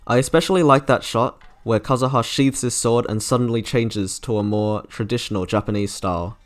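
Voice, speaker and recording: A man with a medium pitch talks a little fast as he delivers scripted commentary. He is hosting a video reviewing game character trailers, and music plays in the background.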